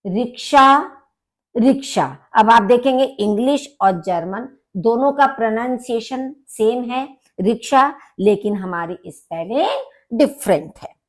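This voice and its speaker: Slow, deliberate woman teacher. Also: mid-range voice. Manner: repeats each word slowly and loudly, then explains pronunciation quietly. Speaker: language teacher. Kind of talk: vocabulary lesson, slow repetition.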